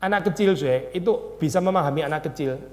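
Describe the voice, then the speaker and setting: A man, a pastor, teaching a Bible study in a conversational way, often asking his listeners rhetorical questions and slowly reading out quotations. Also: a little high. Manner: reads English quotations slowly. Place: church hall. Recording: long hall reverb.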